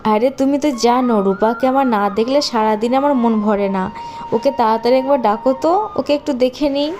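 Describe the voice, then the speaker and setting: A woman's voice: fairly high pitch, moderate pace, darkish tone, slight background noise, lightly acted. A woman voicing a loving middle-aged village father in a cartoon, who talks tenderly to his daughter and turns stern when he is crossed. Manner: pleading, then stern and threatening. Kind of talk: cartoon voice acting. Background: faint background music.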